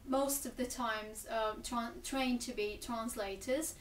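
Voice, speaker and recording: A young woman answers interview questions in a fairly high voice, pausing on ums and restarting her sentences as she thinks. She sounds set back from the mic in a reverberant room, with faint ambience underneath. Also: fairly even intonation, distant mic, a little hiss or hum. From Gaza Strip, Palestine. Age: 20s. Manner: thoughtful, hesitant with frequent ums and restarts. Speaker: interviewee, English teacher and graduate student.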